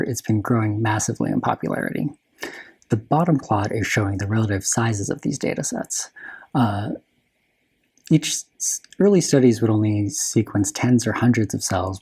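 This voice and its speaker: A man with a slightly husky voice giving a technical lightning talk as a software developer, often restarting and correcting his phrases. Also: on the low side.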